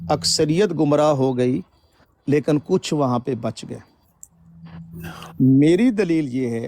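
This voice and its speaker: A man's voice: a little high, a little mellow. A man in a heated debate who keeps insisting on his turn to speak and to lay out his argument.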